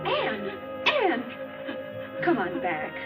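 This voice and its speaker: A woman's voice: a little high, wildly swooping pitch, drawn-out words, far from the mic, over loud music, exaggerated voice. An actress playing an anxious young woman castaway who orders the others about. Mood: tense. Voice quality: tense, commanding. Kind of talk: 1960s film dialogue. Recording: dull old film soundtrack over loud score.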